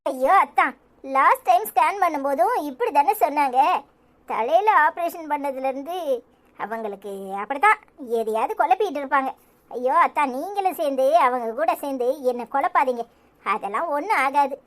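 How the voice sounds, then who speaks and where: A woman voicing a defiant, sharp-tongued young wife in a cartoon, scolding with a Tirunelveli Tamil accent. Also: high-pitched, expressive, normal speed. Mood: dismissive. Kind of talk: cartoon voice acting.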